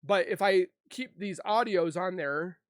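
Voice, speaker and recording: A man with a somewhat high voice talks through his frustrations with his online audience. He speaks haltingly, restarting often and holding back tears. The recording is close and dry, with no room sound. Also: no room sound. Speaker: YouTuber. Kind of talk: emotional venting to viewers.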